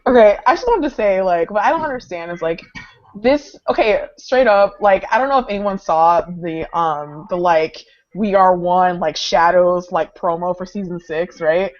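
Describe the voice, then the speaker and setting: A woman's voice: on the low side, moderate pace, lo-fi sound. A woman ranting to friends on a live online call, frustrated and swearing, with "like" between nearly every phrase. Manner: frustrated, profane, filler-heavy ranting. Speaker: fan in a live discussion. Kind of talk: casual group chat rant. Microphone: video call.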